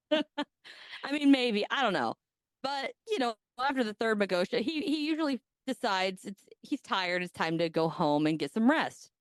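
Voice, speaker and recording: Co-hosting a podcast, a woman tells a story in casual chat, cracking crude, bawdy jokes and laughing often. Her voice is medium-pitched, with no echo in the recording.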